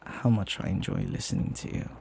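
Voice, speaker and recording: A voice actor plays a flirtatious, devoted butler in a romantic ASMR roleplay, talking softly and tenderly with teasing, hesitant pauses. He adds a small, lightly acted hiss or hum, and the mood stays tender and flirty.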